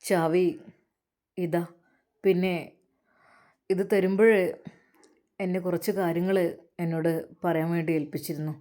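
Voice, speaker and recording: A woman voicing Muthu, an earnest young man with a Malabar Malayalam accent who talks in a subdued, lowered voice. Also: steady tone, unhurried, pauses often, mellow, close to an everyday voice. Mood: hesitant.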